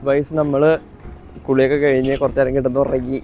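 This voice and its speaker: A Malayali travel vlogger chats casually to his viewers in Malayalam, dropping in English words and phrases. His voice is medium-pitched, mellow and brisk, with little pitch movement. He's outdoors at a pool and on the streets, with slight background noise.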